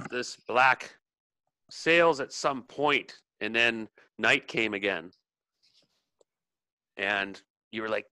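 A man's voice: on the low side, bright, forceful tone, clear, resonant tone, dry recording. A man narrating a tabletop role-playing game as game master, in a loose chatty way.

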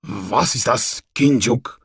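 A man voicing a scared captive male raccoon with a German accent, pleading and slow in an audiobook. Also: medium pitch, creaky, husky, dry recording, clean studio sound, voice pushed up, exaggerated voice. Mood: resigned. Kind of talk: audiobook character voice.

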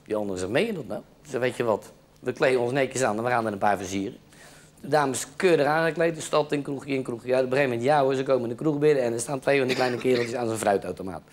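A man telling a joke with a brisk, animated delivery. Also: mid-range voice. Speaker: joke teller.

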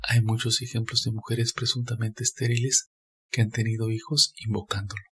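A man calmly reading a scripted spiritual narration in a measured, steady way. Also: medium pitch, husky.

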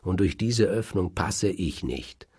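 A man's voice: deep voice, lively intonation, slow, darkish tone, husky, no echo, full character voice. A man voicing a burly, defiant male innkeeper who mocks a sorcerer in a storybook tale. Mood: mocking. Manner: mocking, defiant. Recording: dry close recording.

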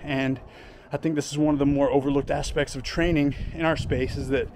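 A man's voice: mid-range voice, steady tone, brisk, darkish tone, a little hiss or hum. Winded man explaining a workout. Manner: explains training plainly between efforts, with fillers. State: out of breath. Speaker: fitness coach. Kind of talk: casual workout vlog talk. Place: home gym and outdoors in winter.

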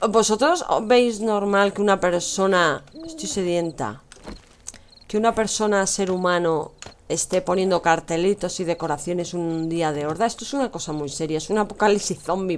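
A woman's voice: mid-range voice, slight background noise. A young woman with a Spanish accent from Spain, chatting and teasing her viewers while she streams a game. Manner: chatty, teasing, addresses chat, laughs often. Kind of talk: casual gameplay commentary.

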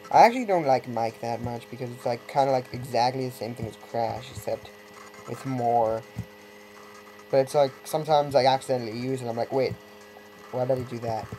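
A man's voice: mid-range voice, brisk, warm tone, slight background noise, low-quality recording. A man giving casual, rambling gameplay commentary, breaking off mid-thought with wry asides. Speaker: let's play gamer. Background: faint game music.

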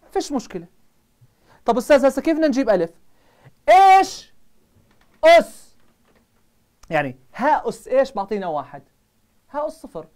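A man's voice: extremely high pitch, a little mellow. Jordanian male math teacher quizzing students. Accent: Jordanian Arabic. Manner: quizzing students with quick questions. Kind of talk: live online review lesson.

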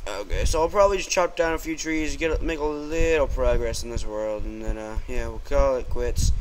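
A young man commentating his own gameplay in a casual, excitable way, yelping when startled. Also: mid-range voice, a little fast. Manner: jumpy, excitable, yelps when scared. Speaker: let's play gamer. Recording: noisy home recording.

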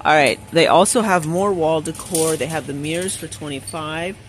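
A chatty man with a fairly high voice films himself on a handheld phone as he browses a store aisle. He gushes over the goods and keeps calling out prices and buy-one-get-one deals. Faint store ambience hums behind him. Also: moderate pace, background noise. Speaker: shopping vlogger. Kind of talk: shop-with-me vlog narration. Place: aisle of a discount store, indoors. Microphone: handheld phone camera.

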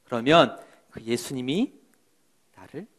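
A man telling of a gentle, urgent angel. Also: mid-range voice, animated, takes it slowly, pitched below the performer's own voice. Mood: urgent joyful.

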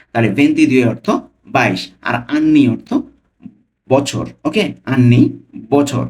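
A man with a Bangladeshi Bengali accent giving a language lesson, breaking phrases into single words and repeating each one slowly. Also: mid-range voice. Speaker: language teacher.

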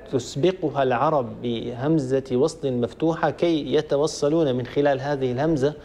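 Man, sheikh, recitation lesson, deliberate drilling of examples, somewhat high voice. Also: a little mellow. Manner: slow, deliberate drilling of examples, rising on questions. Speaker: sheikh teaching Quran recitation.

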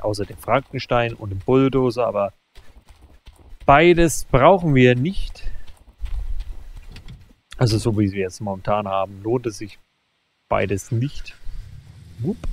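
A man hosting a let's play, giving casual gameplay commentary, excitable and talking to himself with frequent exclamations. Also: mid-range voice, vocal fry, breathy edge.

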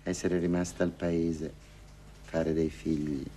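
A man's voice: sits low, flat delivery, slow pace, noisy background. An actor playing a lonely older woman who gossips and haggles on the phone in a theatrical monologue, sighing and wryly complaining. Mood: reflective. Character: lonely, wry older woman hiring a dance partner.

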